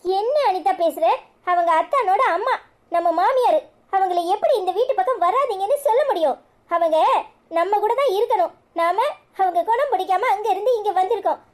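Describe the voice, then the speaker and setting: A woman's voice: extremely high pitch, lively intonation, fairly quick. A woman voicing a patient young wife in a cartoon serial, standing her ground in a Kanyakumari Tamil accent. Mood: pleading. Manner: pleading, then firm.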